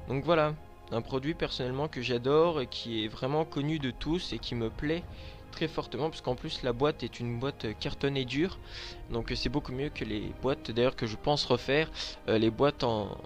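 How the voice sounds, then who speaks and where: A man's voice: mid-range voice, moderate pace, faint music behind. Hesitant French man from Lorraine. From Lorraine, France. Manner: hesitant, many filler sounds. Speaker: vlogger showing his handmade collection. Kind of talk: casual show-and-tell.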